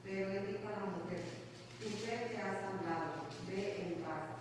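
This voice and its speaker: A woman reading a scripture passage aloud in a steady, measured way. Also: mid-range voice. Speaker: scripture reader. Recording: distant, echoey and noisy hall.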